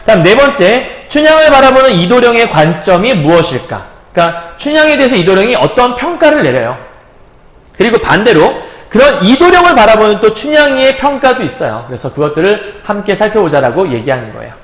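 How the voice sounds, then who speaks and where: Male teacher, bright high voice with wide swings, in an echoey room. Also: brisk. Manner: acts out characters' lines in a lively voice; explains in plain casual terms, chuckles often. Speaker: Korean literature teacher. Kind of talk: recorded lecture on a classic novel. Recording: roomy echo.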